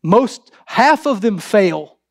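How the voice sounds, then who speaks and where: A man's voice: sits high, very animated, takes it slowly, vocal fry, dry recording, studio quality. A man preaching a sermon as pastor, emphatic, asking his congregation rhetorical questions and addressing the men directly.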